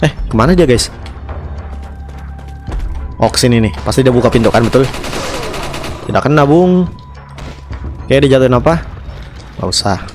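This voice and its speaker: A young man with an Indonesian accent giving casual gameplay commentary into a headset, chatty and often repeating words in quick strings. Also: medium pitch, animated, darkish tone. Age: young adult. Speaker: gaming streamer. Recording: game music behind the voice. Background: video game music.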